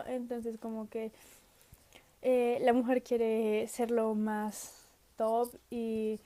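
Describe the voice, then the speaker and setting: A sick seventeen-year-old girl answers study questions in a casual video message, hesitating, trailing off and laughing often. Her voice sits on the high side and is warm.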